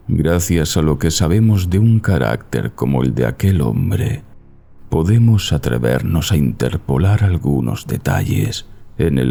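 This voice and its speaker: A man reading a classic horror story as narrator, in a measured, solemn literary manner. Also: rumbling low, vocal fry, dark tone. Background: background music.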